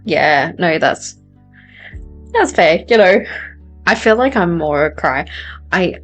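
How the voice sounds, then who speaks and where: A woman's voice: on the low side, lively intonation, slow pace, faint music behind. A woman hosting a live tarot stream, chatting casually with viewers and laughing often at herself. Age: adult. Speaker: tarot reader and livestream host. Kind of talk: casual chat reading out viewer comments.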